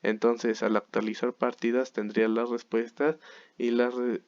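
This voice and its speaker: A man's voice: mid-range voice, flat delivery, normal speed, a little mellow, no room sound, highs cut off. A young man, an engineering student, explaining his school programming project step by step, sometimes catching and correcting himself. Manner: methodical step-by-step walkthrough with self-corrections.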